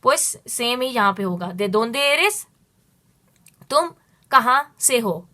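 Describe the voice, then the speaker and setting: A woman teaching a Spanish lesson, explaining step by step and drawing out her Spanish examples slowly. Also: a little high, animated, bright, forceful tone. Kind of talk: spoken language lesson.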